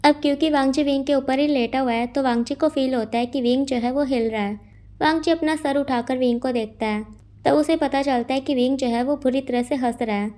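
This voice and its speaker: High-voiced woman narrating a story. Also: steady tone, fairly quick, dark tone. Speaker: fanfiction storyteller.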